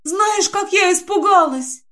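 A woman voicing a frightened, tearful young woman who talks in a high, breathless, pleading rush. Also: unhurried, bright, forceful tone, full character voice.

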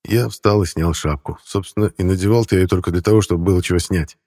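A man reads a first-person audiobook in a calm, matter-of-fact way. His voice is very low and steady. The recording is close and completely dry. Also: fast talker, no echo. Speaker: audiobook narrator.

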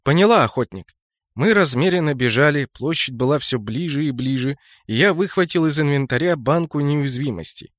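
A man narrating a fantasy game novel in a steady storytelling voice, lifting it sharply for shouted lines. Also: a little high, moderate pace, hardly any pauses, no room sound, clean studio sound. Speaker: audiobook narrator.

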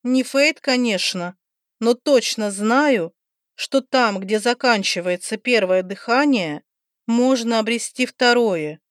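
A woman's voice: a little high, no room sound, voice pushed up. Stern goddess of death, proud and commanding, read by a woman narrator. Dry, close sound. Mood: stern, imperious. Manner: commanding, slow and emphatic. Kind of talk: audiobook character voicing.

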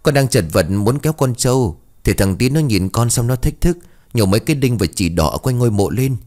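A man's voice: medium pitch, lively intonation, fairly quick, darkish tone, voice pushed up, lightly acted. A man voicing a frightened, crying village boy who talks in tearful pleas. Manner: tearful, pleading.

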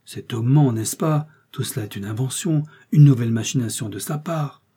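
A man voicing an agitated young male gentleman who speaks urgently and insistently, in an audiobook reading. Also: medium pitch, moderate pace, husky. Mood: suspicious. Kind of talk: audiobook character voice.

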